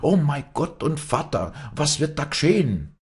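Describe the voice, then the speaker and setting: A man's voice: medium pitch, big pitch swings, moderate pace, gravelly, pitched above the performer's own voice. A man voicing an anxious, superstitious old servant woman who wails and laments. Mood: lamenting. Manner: wailing, lamenting.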